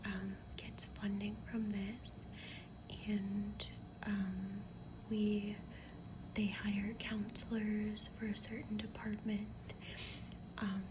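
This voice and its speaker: Woman, soft breathy ASMR whisper, slow halting pace, even pitch, noticeable background noise with drawing sounds. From Mohawk First Nation reserve in North America. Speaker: ASMR creator. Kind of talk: whispered ASMR chit-chat. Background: writing or drawing sounds, ambient noise.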